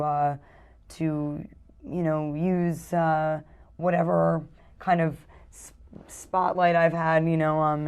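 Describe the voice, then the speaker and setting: A woman's voice: low-pitched, darkish tone, smooth. A woman actor talking casually in an interview, hesitant and full of fillers and restarts. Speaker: actress in a film interview.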